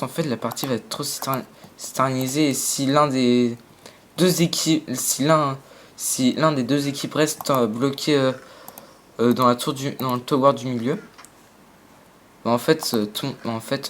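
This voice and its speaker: A mid-pitched gamer of unclear sex talks through the game casually. The delivery is slangy and halting, with frequent self-corrections while explaining strategy aloud. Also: slight background noise. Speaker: gaming video creator.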